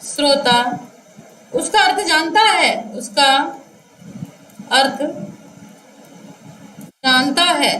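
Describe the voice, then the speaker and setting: A high, bright-voiced woman teaches a class at an unhurried pace. She dictates slowly, repeating each phrase word by word and calling her students children. The sound is echoey, with a faint room hum behind her. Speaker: Hindi teacher. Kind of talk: classroom lecture explaining grammar.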